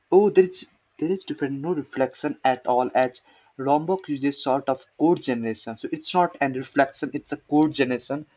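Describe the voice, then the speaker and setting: A man's voice: a little high, highs cut off. A man talking casually through a programming article, rambling, making fun of himself and repeating words to practice saying them. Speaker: programmer reading a tech post. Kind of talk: casual screen-recorded coding talk.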